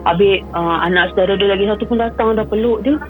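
A woman's voice: medium pitch, quick pace, faint music behind, low-quality recording. A woman, calling in to tell a personal story and slipping English phrases into her telling, often repeating herself. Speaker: caller. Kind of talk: personal storytelling on a call-in show.

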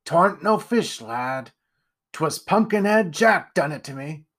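A man voicing a gruff, scarred old male captain who talks in old seafaring dialect with a growling manner. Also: fairly high pitch, animated, slow, fairly bright tone, exaggerated voice.

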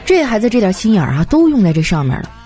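A young woman telling comic anecdotes in a chatty, animated way, slipping into voices for the people in her stories. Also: mid-range voice, quick pace. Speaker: comedy storyteller. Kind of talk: scripted comic monologue. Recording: light background music. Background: faint music.

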